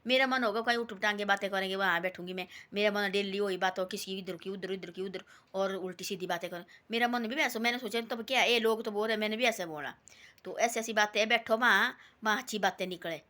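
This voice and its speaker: Bright-voiced woman telling a folksy moral tale. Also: medium pitch, fast. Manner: rambling, folksy retelling with many quoted voices. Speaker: devotional vlogger. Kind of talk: casual moral storytelling.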